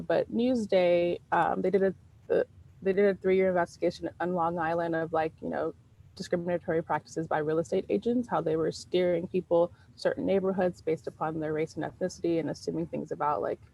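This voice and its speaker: Gravelly low-voiced woman presenting. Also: darkish tone, low-quality recording. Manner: informal, many ums and self-corrections. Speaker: fair housing presenter. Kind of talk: presentation at an online meeting. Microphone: video call.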